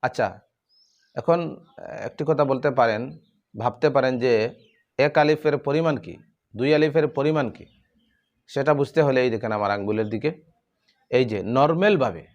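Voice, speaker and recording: A man teaching Quran letter pronunciation, drawing out each letter name slowly and explaining the difference between similar sounds. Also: medium pitch, expressive, dull audio. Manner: slow, drawn-out recitation of letter names.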